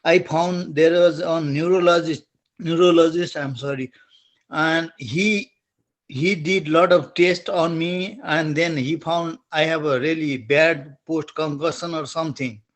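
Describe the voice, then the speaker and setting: A middle-aged Nepali man with a strong accent and a fairly high voice for a man asks a question on a webinar call. He speaks slowly and haltingly, pausing to find words and restarting phrases, though his tone stays steady.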